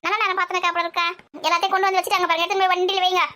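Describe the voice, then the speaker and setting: A woman rattles through village family banter at breakneck speed. Her voice sits very high and bright, and she scolds and nags in quick back-and-forth exchanges with the others in the household. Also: level tone, slight background noise. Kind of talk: acted everyday family banter.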